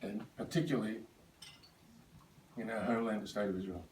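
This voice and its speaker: A man's voice: fairly low pitch, fairly even intonation, fairly quick, a little mellow, a little hiss or hum. Older man, rambling speech with asides, recorded from a distance in a roomy hall. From Australia. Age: 70s. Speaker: birthday speaker. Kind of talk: speech at a birthday lunch. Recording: echoey room, voice from far off.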